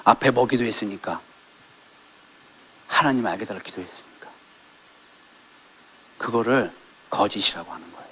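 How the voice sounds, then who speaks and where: A middle-aged male pastor preaching a sermon in a church, acting out quoted lines and rising to loud peaks. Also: on the low side, moderate pace, pauses often, a little hiss or hum. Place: church sanctuary.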